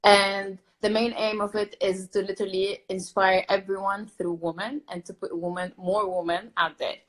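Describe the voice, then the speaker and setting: A woman's voice: mid-range voice, flat delivery, moderate pace, fairly bright tone, low-quality recording. A woman hosts an online talk series and introduces her guest over a video call. Her delivery is enthusiastic and eager, and she uses "literally" and "uh" often. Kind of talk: interview host chat.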